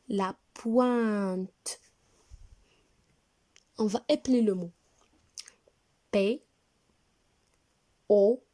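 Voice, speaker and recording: A woman teaching a reading lesson to young children, speaking slowly and clearly and spelling words out letter by letter. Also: on the high side, dark tone. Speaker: primary school teacher.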